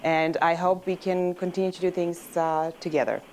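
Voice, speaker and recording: A woman from Serbia moderates a panel and thanks the speakers graciously. Her voice is very low for a woman. Light background noise sits under her speech. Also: little pitch movement, moderate pace, darkish tone, poor audio. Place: conference room.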